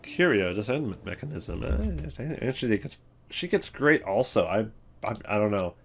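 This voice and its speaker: A video creator ranks game voice lines, giving off-the-cuff commentary that rambles and jokes at his own expense. His voice is lowish with lively intonation and some vocal fry, and he speaks at a normal speed.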